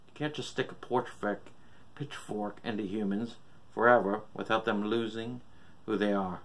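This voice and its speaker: A sick old man played by a male narrator rants in a gravelly, creaking voice. He preaches doom with bitter, profane madness, as in a horror storybook. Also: fairly low pitch. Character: ranting, sick old father gone mad with doom.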